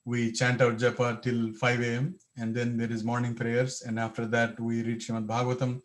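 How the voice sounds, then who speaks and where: A man's voice: mid-range voice, completely flat delivery, moderate pace, lightly acted. A man voicing a reformed male thief, who lists his day in a plain, matter-of-fact way. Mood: earnest.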